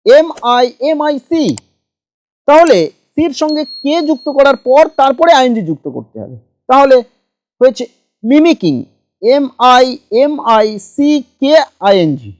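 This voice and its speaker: A woman with a high voice walks through grammar rules one step at a time, spelling each example word letter by letter. She is recorded close to the mic in a dry room with no echo. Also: sing-song, a little mellow. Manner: slow, methodical, spells words letter by letter. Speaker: English grammar teacher. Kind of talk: grammar lesson.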